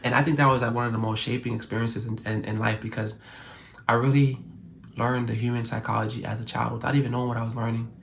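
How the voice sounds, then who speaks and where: A man's voice: mid-range voice, little pitch movement, quick pace, vocal fry, a little hiss or hum. A young man from Cameroon whose first language is French, talking earnestly to camera in a casual, reflective way. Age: young adult. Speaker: YouTuber.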